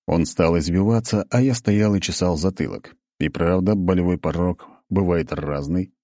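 A man narrating a first-person audiobook in an even, measured way. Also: deep voice, dry recording, studio quality.

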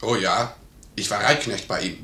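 An actor playing a blunt, gruff manservant to an officer in a 1950s German radio play. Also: male voice, on the low side, moderate pace, sharp tone. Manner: blunt, gruff, plain-spoken. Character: blunt, loyal male servant of a major. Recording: roomy 1951 radio recording.

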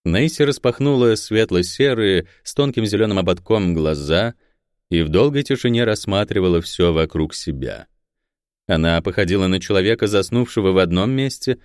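A man narrating a fantasy novel in a steady storytelling voice into a close microphone. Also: deep voice, clean tone, no echo. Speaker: audiobook narrator.

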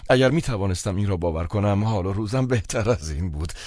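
A man's voice: fairly low pitch, animated, darkish tone, no room sound, clean studio sound. A man voicing a desperate, broke man of about thirty who pleads urgently and stammers, in an audiobook.

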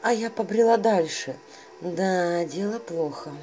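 A woman narrating a first-person story in a wry, lively way, voicing the characters as she goes. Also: fairly low pitch, measured pace, soft background music.

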